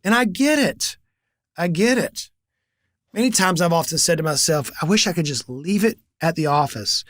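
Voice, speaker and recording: In studio-quality audio with no room sound, a man in his forties hosts a business coaching talk, speaking alone to camera. He's a business coach and channel host who tells stories energetically and acts out quoted conversations. His voice is fairly high and fairly bright, with lively intonation at a moderate pace.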